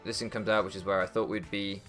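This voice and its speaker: Talking fast in a fairly low, flat voice with a fairly bright tone, a young man provides laid-back strategy game commentary for his YouTube channel. Faint music plays in the background while he deliberates out loud, pausing with hesitations.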